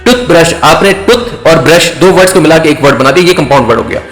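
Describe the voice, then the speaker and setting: A man giving an English vocabulary lecture, explaining slowly with many fillers and check-ins. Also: a little high, fairly bright tone. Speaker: English teacher. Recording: echoey room with faint music.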